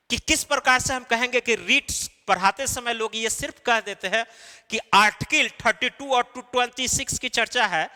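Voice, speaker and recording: A man's voice: extremely high pitch, bright, forceful tone, long reverb tail. A man teaching an exam-preparation class, explaining step by step and answering his own questions. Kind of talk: recorded lecture.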